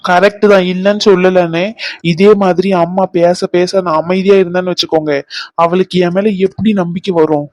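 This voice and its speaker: A man's voice: sits high, level tone, a little fast, a little mellow, no room sound, lightly acted. A man voicing an insistent, devoted young man in a cartoon, demanding answers. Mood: upset. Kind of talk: cartoon voice acting.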